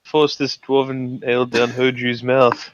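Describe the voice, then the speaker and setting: A man at a tabletop game speaks slowly in a laid-back way. His jokes come out loud and easy. His pitch is a plain middle. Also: completely flat delivery, muffled recording. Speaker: player. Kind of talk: casual chat at a game table.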